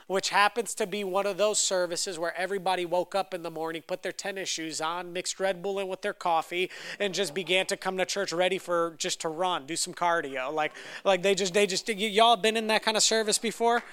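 His voice is high-pitched and clean, with fairly even intonation, and he talks a little fast with few pauses. He's a young man whose first language is Romanian, delivering a sermon with a personal story and often restarting on repeated words as he climbs to loud, fervent passages.

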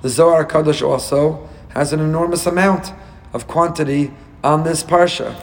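A man with a hoarse, raspy, worn-out voice giving a religious lecture as a rabbi, emphatic and repeating points in strings of synonyms. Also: a little high, moderate pace, in a large hall. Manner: emphatic repetition, piling up synonyms. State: hoarse, voice nearly lost. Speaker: rabbi teaching a weekly Torah portion class.

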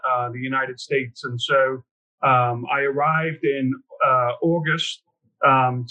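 A man from near chats as a podcast guest, relaxed and dotted with ums and uhs. His voice is bright and forceful. The audio sounds a little dull and lo-fi. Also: mid-range voice. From England, near Liverpool. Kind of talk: casual interview chat.

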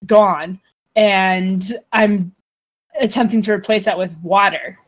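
A woman's voice: mid-range voice, fairly even intonation, slow. Chatty woman rambling through explanations. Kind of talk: casual chat.

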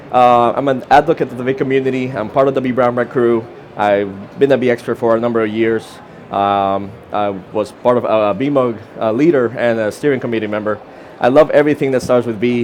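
A conference presenter from Costa Rica delivers a brief, informal talk in a session room, his Costa Rican Spanish accent coming through amid fillers and restarts. He has a medium-pitched, darkish voice.

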